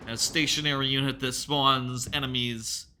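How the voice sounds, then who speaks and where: A man's voice: mid-range voice, fairly even intonation, moderate pace, bright, forceful tone, a little hiss or hum. A man giving casual game commentary as a gaming video host, musing tentatively with wry asides into a close mic. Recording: game music under the voice.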